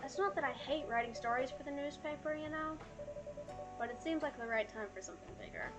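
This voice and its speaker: A woman's voice: sits high, fairly quick, over music, pitched above the performer's own voice, natural voice. Woman acting an earnest aspiring novelist, amateurish and stagey. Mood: wistful. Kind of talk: amateur read-aloud of visual novel game dialogue.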